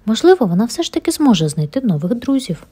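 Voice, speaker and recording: A woman reading a children's bedtime story aloud, gentle and expressive. Her voice is breathy and mellow, with a lively melody. She sits at a middle pitch for a woman. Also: fast talker.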